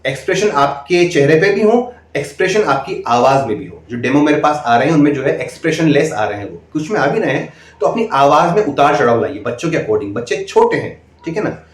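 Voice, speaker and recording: A man's voice: a little high, expressive, brisk, hardly any pauses. A man coaching interview candidates in speech, emphatic and repetitive, often asking "okay?". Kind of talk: direct-to-camera coaching talk. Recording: echoey room.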